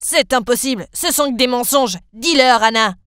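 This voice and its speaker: A woman plays a jealous young groom in an animated story, loud and accusing. The voice is high and smooth. The sound is close and dry. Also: normal speed, no echo, natural voice. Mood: furious.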